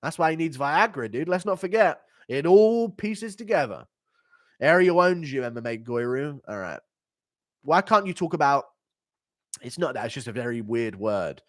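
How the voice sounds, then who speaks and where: Joking, profane livestream host. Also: male voice, a little high, sing-song, normal speed, dry recording, studio quality. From United Kingdom. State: sick, unwell. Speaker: livestream host reading donations. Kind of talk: casual livestream chat.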